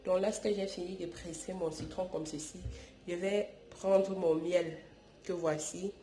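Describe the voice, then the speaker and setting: A woman with a cold presents a home remedy tutorial on her YouTube channel from home, fondly calling her audience "darlings" and often restarting her phrases. Her fairly low voice is warm and steady at a measured pace, heard in an echoey room with soft background music.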